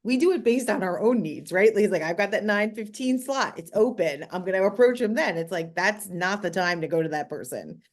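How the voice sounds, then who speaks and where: A communications expert with a New Jersey accent appears as a podcast guest, giving conversational advice in an emphatic, direct way. Her medium-pitched voice is expressive and a little fast, with hardly any pauses.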